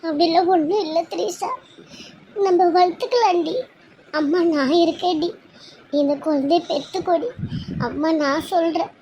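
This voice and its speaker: A woman's voice: very high voice, moderate pace, long pauses, mellow, slight background noise, low-quality recording. A woman voicing an anxious, doting middle-aged mother in a cartoon serial, fussing over and consoling her daughter.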